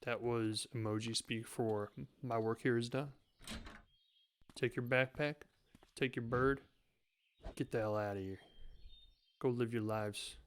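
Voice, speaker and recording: A man giving animated, jokey commentary while playing a game, talking to the characters on screen. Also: medium pitch, unhurried, long pauses, a little hiss or hum. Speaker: gamer. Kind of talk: let's play commentary. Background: game music.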